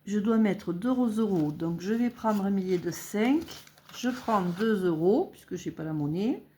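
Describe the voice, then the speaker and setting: A middle-aged woman chatting casually as she fills budget envelopes, counting money aloud and thinking out loud with little hesitations. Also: medium pitch, expressive, unhurried, slight background noise. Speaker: budgeting vlogger. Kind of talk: casual talk while filling cash envelopes.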